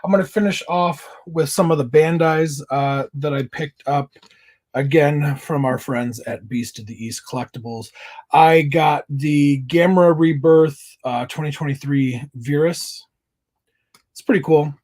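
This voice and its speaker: A man's voice: on the high side, measured pace, a little mellow. A man talking casually in a collector haul video, chatty and enthusiastic, with many fillers. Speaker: collector vlogger.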